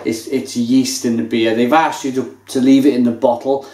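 A man in his thirties with a medium-pitched voice and normal pace chats casually while reviewing a beer indoors at home, savoring and describing each sip. His table-distance camera mic captures echoey kitchen sound and slight background noise.

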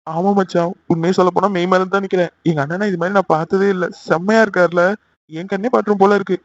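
An excitable young cartoon brother, voiced by a man, eager and pushy. His voice rides high and tumbles out very fast. The sound is dull and lo-fi but dry.

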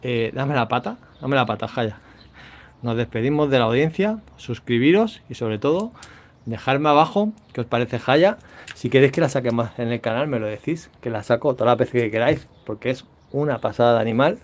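A man's voice: mid-range voice, lively intonation, fairly quick. A man with an accent from Spain chatting casually to viewers on a phone vlog, loose and full of fillers. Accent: Spanish (Spain). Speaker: vlog host, dog owner.

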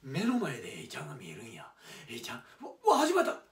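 A man voicing an excitable Kansai-dialect laborer who is a devoted fan, loud and lively. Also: mid-range voice, racing, voice pushed down. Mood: excited. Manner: loud, excitable, shouting at times. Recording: roomy, distant mic.

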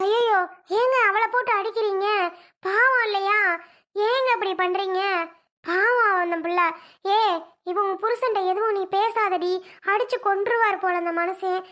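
Brief: woman as a put-upon rural wife, very high-pitched, pleading and shrill. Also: fairly even intonation, a little fast, fairly bright tone. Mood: panicked. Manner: pleading, then shrill and alarmed. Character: put-upon village wife standing up to husband. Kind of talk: homemade village comedy skit.

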